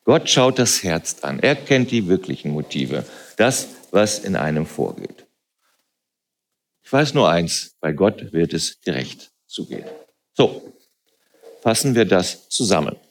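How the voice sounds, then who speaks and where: A man preaching a sermon in a church, moving between quiet reflective passages and loud emphatic calls. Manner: rises to loud emphatic calls, then drops soft and low. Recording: music playing behind.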